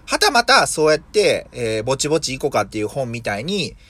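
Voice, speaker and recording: Lively-voiced man rambling on a podcast. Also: mid-range voice, brisk. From Mie, Japan. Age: 30s. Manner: rambling, thinking aloud with many fillers and self-corrections. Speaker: podcast host, vegetable farmer. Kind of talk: casual solo podcast talk.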